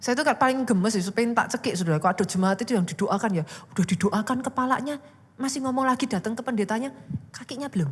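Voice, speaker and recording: A woman pastor delivers an animated sermon in a church. Her voice sits somewhat high and swells into loud, urgent exhortation. A long reverb from the church hall trails each phrase. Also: quick pace, husky.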